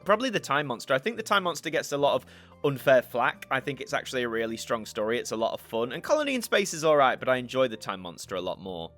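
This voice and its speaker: Faint music sits behind this young YouTube host from Yorkshire, England, as he casually answers viewer questions and thinks aloud. His accent is mixed northern English, predominantly Yorkshire. Very animated, he talks at a quick pace in a mid-range, slightly bright voice.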